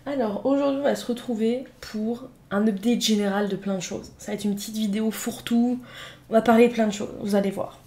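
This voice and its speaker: A woman's voice: on the high side, fairly even intonation, fairly quick, dark tone. Chatty woman book vlogger. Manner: chatty, with many fillers and playful asides. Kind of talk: casual unboxing chat.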